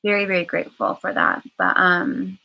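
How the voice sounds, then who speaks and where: A woman's voice: fairly low pitch, very animated, normal speed, vocal fry, pushed and bright, poor audio. A woman vlogger talking candidly on a live stream, rambling and repeating herself with many fillers. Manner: candid and emotional. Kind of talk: casual live-stream monologue.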